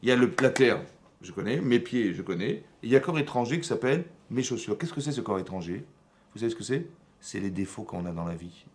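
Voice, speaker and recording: A man with a French accent, a rabbi giving a lively Torah lesson in a synagogue, often asking his listeners questions and raising his voice to stress points. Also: fast, slight background noise. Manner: animated, asks the audience questions, rises in pitch and loudness to stress points. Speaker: rabbi teaching a class.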